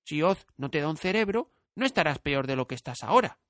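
A man voicing a kind, curious little girl in a storybook reading, speaking softly with a raised pitch. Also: expressive, fairly quick, no room sound, clean studio sound. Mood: wondering. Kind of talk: audiobook character voice.

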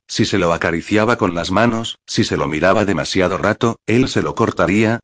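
A man narrating a novel as an audiobook, reading in a calm, measured way on a close mic. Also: deep voice. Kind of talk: scripted narration.

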